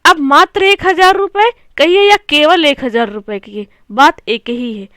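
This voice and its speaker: A woman with a high voice teaches an exam-prep grammar lesson. She repeats her phrases, asks rhetorical questions and keeps calling her viewers friends. The sound is dry and close, with no room echo. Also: measured pace, a bit bright.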